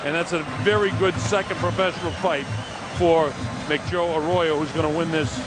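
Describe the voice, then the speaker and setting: A man's voice: fairly high pitch, fairly even intonation, normal speed. A man giving live, analytical boxing commentary in a conversational way. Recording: loud arena noise throughout. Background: noisy live boxing venue.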